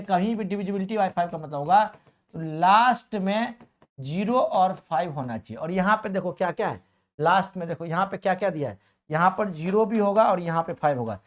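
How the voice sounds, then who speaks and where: Guy teaching math to a class, says everything twice, coaxing, answers his own questions. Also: sits high. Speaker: coaching teacher.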